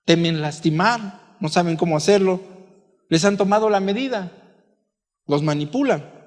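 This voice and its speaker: A pastor giving a conversational sermon full of stories and asides. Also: male voice, high voice, moderate pace, big-room sound. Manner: conversational preaching with anecdotes and asides. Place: church.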